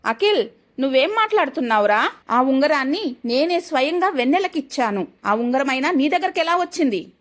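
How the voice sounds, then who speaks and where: A woman's voice: sits high, sing-song, moderate pace, fairly bright tone. Woman voicing a scheming, scolding mother-in-law. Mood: flustered. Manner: accusing, scolding. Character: scheming middle-aged mother-in-law, sharp-tongued.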